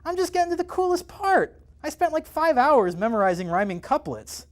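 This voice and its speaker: A man reading aloud, voicing a nerdy young male necromancer in a nasal, whiny tone. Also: normal speed. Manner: high, whiny pleading.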